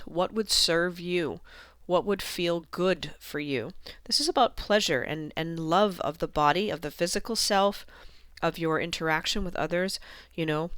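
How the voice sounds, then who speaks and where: A tarot reader giving a monthly reading to viewers, gentle and reassuring, with frequent ums and you-knows. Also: medium pitch, clean tone, dry recording, studio quality.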